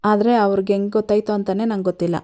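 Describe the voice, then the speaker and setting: A woman's voice: mid-range voice, fairly even intonation, rapid-fire, warm tone, lightly acted. A woman voicing a tearful young college girl in love, pleading in her own plain storytelling voice. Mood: upset.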